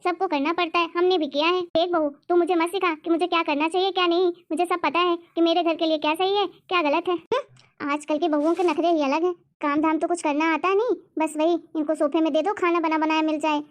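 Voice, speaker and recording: Strict, scornful old mother-in-law for a cartoon, high-pitched, played by a woman. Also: steady tone, brisk. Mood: scolding. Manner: bossy, lecturing, scornful. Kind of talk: cartoon story voice acting.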